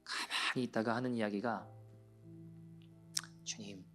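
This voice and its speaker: A pastor giving a Sunday sermon in a church, telling a story with feeling and dropping to soft near-whispers. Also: male voice, mid-range voice, moderate pace, faint music behind. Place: church sanctuary.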